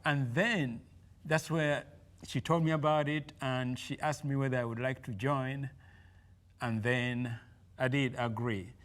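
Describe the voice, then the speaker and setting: A man speaks as a guest on a television talk show. He recounts his path slowly and haltingly, filling pauses and restarting phrases as he goes. His voice sits at an ordinary male pitch. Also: steady tone, fairly bright tone. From Uganda. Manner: halting storytelling with fillers and restarts. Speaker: guest, nutritionist. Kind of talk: television interview.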